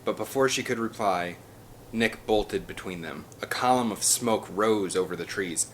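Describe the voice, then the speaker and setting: Here a male audiobook narrator performs a children's adventure story with bold, theatrical emphasis. He sits on the low side at an ordinary speed, with a slightly bright tone and a faint hiss or hum in the background.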